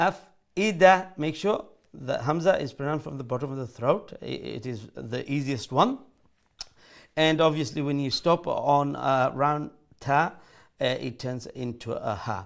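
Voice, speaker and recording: A man teaching Quran recitation, modelling each word slowly and switching into English to explain. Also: medium pitch, vocal fry. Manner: slow, deliberate, repeats words to model pronunciation, mixes English into explanations. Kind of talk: tajweed lesson, letter-by-letter.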